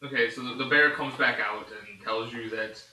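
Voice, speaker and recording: A man's voice: mid-range voice, steady tone, normal speed. A man narrating as game master of a tabletop game, describing scenes with frequent chuckles and asides. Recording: roomy, distant mic with faint hiss.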